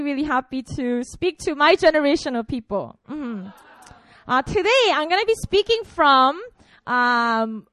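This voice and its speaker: A Korean woman in her twenties, a pastor, gives students a casual, playful sermon in a high, fairly bright voice recorded with no echo. She's chatty and uses frequent fillers.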